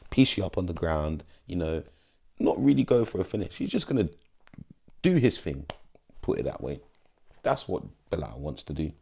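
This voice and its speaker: A man's voice: a bass voice, creaky, darkish tone. A young man giving casual, slangy fight predictions in an emphatic, pleading way. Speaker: MMA vlogger.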